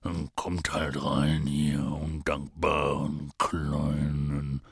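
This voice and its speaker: A man voicing a huge, gruff male half-giant gamekeeper who talks slowly and booms. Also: completely flat delivery, no echo, studio quality, full character voice. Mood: angry. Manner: slow, booming and gruff.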